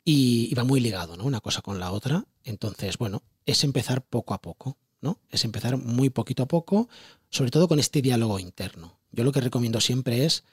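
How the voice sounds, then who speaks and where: A man with a Spain Spanish accent, talking as an author being interviewed, chatty and animated, often asking rhetorical questions. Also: medium pitch, brisk, husky, dry recording, studio quality. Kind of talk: casual explanatory interview talk.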